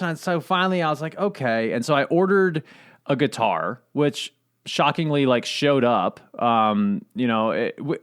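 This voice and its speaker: A middle-aged man co-hosting a podcast, chatting in a relaxed way and laughing easily. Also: medium pitch, clean tone. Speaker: podcast co-host. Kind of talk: casual conversational podcast.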